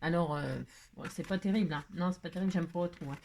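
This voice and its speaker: A woman's voice: fairly low pitch, quick pace, background noise. A woman casually chatting as she makes a card, rambling and playful with lots of fillers. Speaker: craft vlogger. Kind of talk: casual crafting chat.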